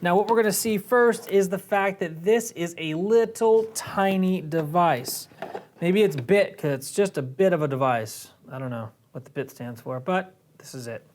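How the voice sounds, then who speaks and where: Speaking at a moderate pace with a high pitch and a somewhat dark tone, an American man in his thirties explains a product to camera in a relaxed way. He is the motorcycle gear shop's reviewer and presenter, filmed on an indoor studio set with slight background noise.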